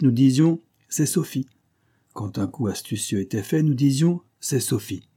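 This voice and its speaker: A man voicing a gruff, boastful aging police commissioner in an audiobook, speaking raised and emphatic with a sardonic edge. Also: mid-range voice, mellow, pitched above the performer's own voice.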